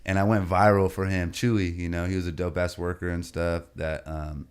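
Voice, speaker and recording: This is a man with a deep voice chatting as a podcast guest, easygoing and full of slang. His tone comes across smooth and resonant, and he keeps checking in with his listener as he tells his stories. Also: level tone, brisk. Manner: laid-back and slangy, fills talk with "you know what I mean" and "bro". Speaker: podcast guest, comedian and content creator. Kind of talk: casual storytelling chat.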